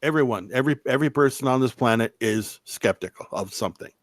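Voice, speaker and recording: A man with a medium-pitched voice chats casually as a podcast panelist. He is halting and argumentative, often repeating his words. The recording is very dry. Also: dry recording. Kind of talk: casual chat.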